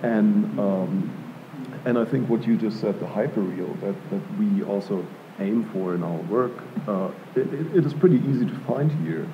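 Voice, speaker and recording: Low-voiced German man musing at a panel. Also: moderate pace, slight background noise. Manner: thoughtful, hesitant, many fillers and restarts. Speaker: panel artist. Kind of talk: panel discussion answer. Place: art gallery panel before a live audience. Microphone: table mic on stand. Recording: dull lo-fi live room sound.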